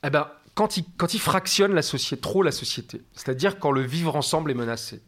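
A man's voice: fairly high pitch, animated, brisk, fairly bright tone. A man speaking as a guest expert in an interview, explaining in a didactic way and stacking up lists of examples.

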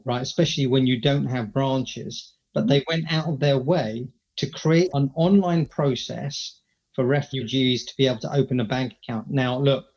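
A man's voice: mid-range voice, darkish tone, highs cut off. A man co-hosting a podcast, chatting conversationally and often checking for agreement. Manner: conversational, seeks agreement with tag questions. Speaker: podcast co-host. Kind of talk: podcast interview.

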